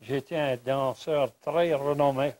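A man from Louisiana with a Cajun French accent, chatting on a local show in a lively, joking way. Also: medium pitch, measured pace. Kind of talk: casual chat. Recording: faint hiss.

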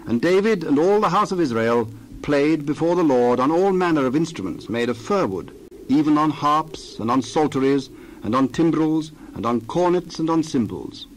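A man narrating a dramatized Bible passage in a steady reading voice. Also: fairly high pitch, normal speed, a little hiss or hum, poor audio. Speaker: scripture reader.

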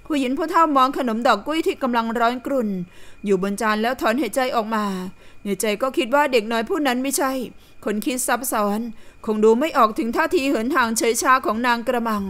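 A woman reading an audio novel aloud in steady, unhurried scripted narration. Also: on the high side.

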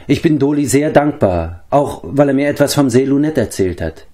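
A man's voice: mid-range voice, lively intonation, normal speed, warm tone, pitched above the performer's own voice, lightly acted. Man doing an earnest young storybook hero. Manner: earnest, hopeful. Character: earnest young male hero, a humble pig-keeper.

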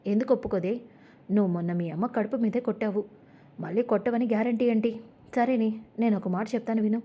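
A woman's voice: a little high, steady tone, quick pace, muffled recording, close to an everyday voice. A woman voicing a scheming, manipulative older woman in a retold family serial, talking in a coaxing, needling way.

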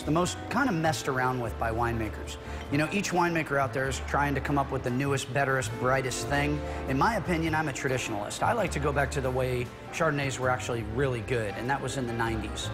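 A man's voice: medium pitch, quick pace, over music. A middle-aged man, a winemaker, guiding a tasting in a friendly, explanatory way, recorded indoors in a winery on a lapel mic. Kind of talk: conversational product explanation.

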